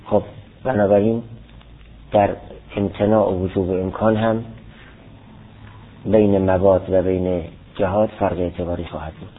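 A man's voice: deep voice, steady tone, pauses often. A man giving a lecture that reads aloud a classical Arabic text and explains it line by line. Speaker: teacher of theology and logic. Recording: tinny phone-like recording.

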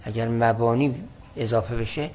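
A man teaches a classical text in a steady, explanatory way, with a voice neither high nor low. He reads quoted passages slowly and with more weight. A faint background hiss sits under the recording.

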